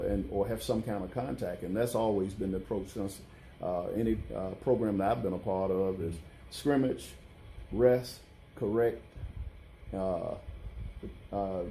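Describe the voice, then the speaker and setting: A man answers like a football coach in an interview. His voice is very mellow and dark, set fairly low. He speaks haltingly, restating phrases, over a faint background noise. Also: low-quality recording. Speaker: college football head coach.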